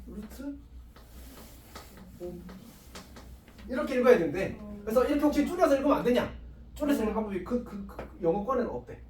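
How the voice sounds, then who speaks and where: Male high school math teacher, casual and self-deprecating, faint hiss, distant mic. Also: expressive, brisk, long pauses, a little mellow, echoey room. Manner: chatty, self-mocking, asks the class constant check questions. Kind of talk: casual classroom lecture. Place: classroom with students.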